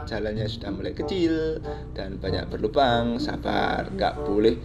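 A man's voice: fairly low pitch, animated, measured pace, creaky. A man riding a motorbike through village roads, giving jokey running commentary to his viewers. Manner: chatty, jokey, addresses viewers as "Lur". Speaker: motovlogger. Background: background music.

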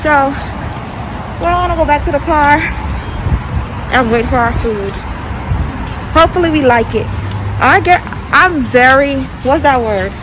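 Young woman, high voice, casual vlog chat, phone held out, noisy outdoor plaza. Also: lively intonation, a little slow, long pauses, crowd noise. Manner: chatty, joking, talks to camera while walking. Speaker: vlogger. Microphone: phone held at arm's length.

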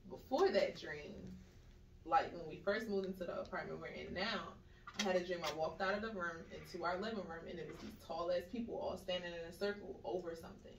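Animated woman telling stories in an echoey room. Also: lowish voice, fairly quick, vocal fry, background noise. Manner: animated storyteller, acts out quoted voices. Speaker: podcast co-host. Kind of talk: casual storytelling chat. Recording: echoey room, mic at a distance.

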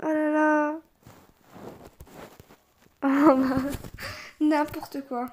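A young woman narrating a video game as she plays, animated, often squealing and laughing. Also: sits high, extremely slow. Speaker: gaming YouTuber. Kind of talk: excited let's-play commentary.

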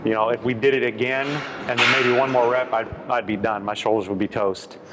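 A man's voice: medium pitch, steady tone, a little fast, very noisy. Chatty man reflecting on a workout. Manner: chatty, rambling with restarts and fillers. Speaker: trainee on a fitness show. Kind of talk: casual chat about a workout.

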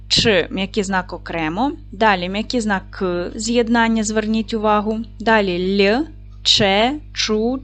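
Woman teacher, animated and encouraging, clear classroom delivery, faint music under the voice. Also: medium pitch. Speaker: primary school teacher. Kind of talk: recorded video lesson for children.

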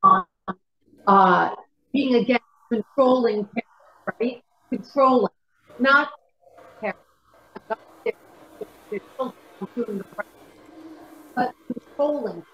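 A woman's voice: fairly high pitch, slow, pauses often, husky. A woman talking casually as a remote guest over a call that keeps cutting in and out, her words coming through in broken fragments. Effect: call audio breaking up, cutting in and out. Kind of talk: casual chat. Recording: echoey, dull remote call line.

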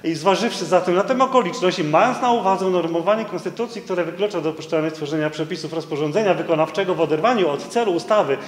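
At a conference lectern indoors, a high-voiced, middle-aged man lectures by reading legal passages from court rulings. He stumbles through them with frequent restarts and filler words, and the stand mic picks up a heavily echoing hall.

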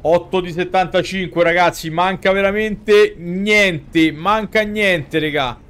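Speaking slowly in a high, fairly bright and clean voice, this thirty-something game streamer has a Roman accent. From an indoor streaming desk with game music in the background, he throws slangy exclamations at his chat and the game's characters.

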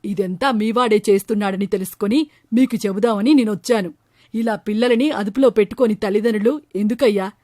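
A woman's voice: mid-range voice, a little fast, darkish tone, dry recording, studio quality, lightly acted. Woman doing a stern angry male schoolteacher. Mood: angry scolding. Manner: scolding, indignant.

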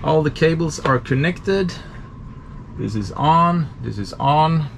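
A man's voice: a little high, takes it slowly, creaky, slight background noise. Swedish man chatting from a boat compartment. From Sweden. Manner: relaxed, thinking aloud with many fillers. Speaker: sailing vlogger. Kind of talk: casual explanatory vlog. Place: cramped engine compartment on a boat.

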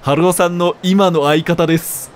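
A man voicing a shy, polite teenage girl idol who stammers softly, reading along while playing. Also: high-pitched, steady tone, normal speed, noisy background, voice pushed up, close to an everyday voice. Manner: soft, polite, hesitant stammer.

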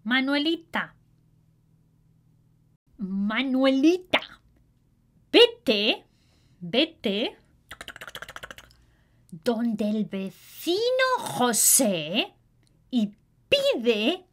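A woman's voice: on the high side, big pitch swings, very slow, long pauses, heavily acted. A woman voicing a caring, busy mother who gives instructions to her children. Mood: fussing. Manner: gently instructing, then exclaiming.

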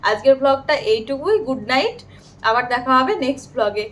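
A middle-aged woman vlogger chatting casually and softly about her day at home. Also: high-pitched, expressive, a little fast. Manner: chatty, homely, soft-spoken. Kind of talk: casual vlog chat.

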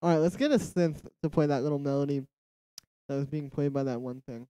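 A music producer streams from his home studio, chatting casually while building a track, musing aloud and reading out replies to chat. His nasal voice is fairly high and fairly quick. Electronic music plays loudly beneath him on a rough recording with no echo.

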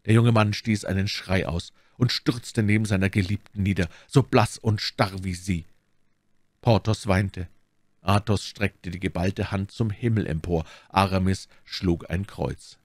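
Male audiobook narrator, measured, expressive, low voice, dry close sound. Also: dry recording. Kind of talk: dramatic audiobook reading.

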